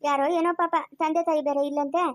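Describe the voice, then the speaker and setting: A woman's voice: high voice, level tone, fast talker, close to an everyday voice. A woman playing a kind village mother who soothes and coaxes, in a home-made family skit. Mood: coaxing. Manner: soothing, then grumbling under her breath.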